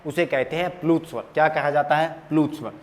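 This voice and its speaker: A man's voice: a little high, fairly even intonation, fast talker. A man teaching a grammar lesson at a whiteboard, asking questions and answering them himself, repeating the key terms.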